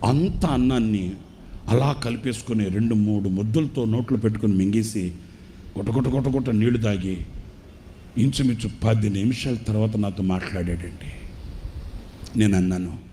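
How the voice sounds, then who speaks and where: Man preaching, super emotional storytelling, warm low tone, faint background hum. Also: normal speed, pauses often. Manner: emotional, dramatic, heavily mournful delivery. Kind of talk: storytelling sermon.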